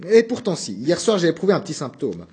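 A man's voice: fairly high pitch, wildly swooping pitch, darkish tone, husky, heavily acted. A man voicing a flustered pleading young salesman. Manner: pleading, hurried, apologetic.

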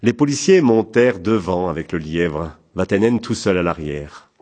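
A man narrating an audiobook in a calm, even, measured way. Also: low-pitched.

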